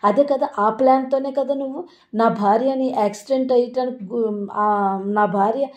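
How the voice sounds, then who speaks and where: A woman voicing a furious young husband who shouts threats at a woman he blames. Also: fairly high pitch, fairly even intonation, normal speed, lo-fi sound, natural voice.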